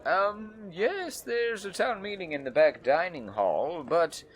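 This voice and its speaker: A man's voice: high-pitched, animated, slow pace, voice pushed up. A man voicing a polite but suspicious tavern barkeep in a tabletop game. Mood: wary.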